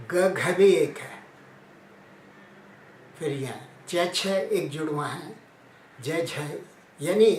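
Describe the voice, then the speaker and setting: A man teaches in a very slow, deliberate way, pausing to sound out letters one at a time. His voice sits a little high for a man. The recording is roomy and echoey, with a faint hum of ambience behind him. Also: a little mellow. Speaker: teacher explaining Hindi phonetics. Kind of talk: informal spoken lesson.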